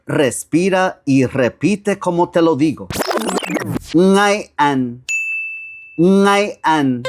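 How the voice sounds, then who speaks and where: Woman teaching words real slow, says each one a few times, music in the back. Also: medium pitch. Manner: slow, repeats each phrase for practice. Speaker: language teacher. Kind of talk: recorded language lesson. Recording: music playing underneath.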